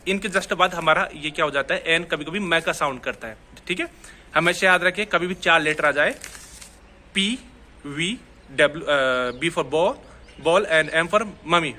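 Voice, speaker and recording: Brief: young male tutor, very bright tone, slightly high, patient and repetitive. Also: a little hiss or hum. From India. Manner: explains patiently, repeats words, asks "ठीक है?" often. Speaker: Spanish teacher. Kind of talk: casual online lesson.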